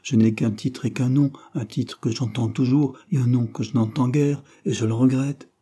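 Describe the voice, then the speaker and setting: A man reading a lovesick young prince's lines aloud in a fervent, declamatory way, raised and louder than his narration. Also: medium pitch, fairly even intonation, moderate pace, slightly rough, voice pushed up, close to an everyday voice.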